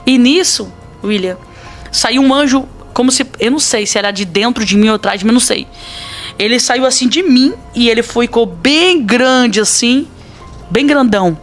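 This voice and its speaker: A woman's voice: fairly high pitch, moderate pace, soft background music. A woman pastor with a Brazilian accent, telling a personal testimony in a podcast interview in an earnest, dramatic way. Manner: earnest, dramatic storytelling with quoted dialogue.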